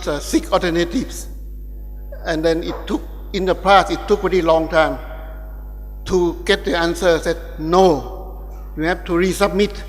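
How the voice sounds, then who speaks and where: A man with a Thai accent gives a ceremonial keynote lecture in a fairly high voice, restarting and filling his sentences as he goes. His words ring out with a long reverb in a large hall, and faint music sits underneath. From Thailand. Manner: halting, with many restarts and fillers. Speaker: guest lecturer. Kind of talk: academic keynote speech.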